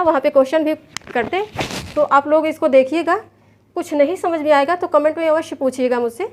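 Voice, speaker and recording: A woman, patiently teaching an exam lesson from a chart, repeating terms and counting them aloud. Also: high-pitched. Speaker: Sanskrit exam coach. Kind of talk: recorded online lesson explaining a chart.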